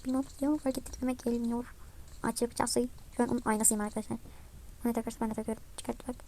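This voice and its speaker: A young woman, sounding a bit sick, giving chatty, excitable commentary over her gameplay and often dropping to a mutter. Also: on the high side, racing, slight background noise. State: slightly sick voice. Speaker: gaming vlogger.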